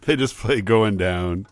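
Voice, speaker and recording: A podcast co-host with a very deep voice, chatting in a relaxed way. He drops short, dry quips into the conversation. The sound is close and dry, with no room echo. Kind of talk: casual chat.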